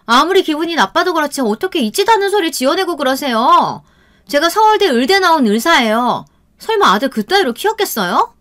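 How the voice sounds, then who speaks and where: Woman putting on a shrill sneering sister-in-law. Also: lively intonation, fairly quick, fairly bright tone. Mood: shrill scolding. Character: rude arrogant younger sister-in-law, a woman doctor.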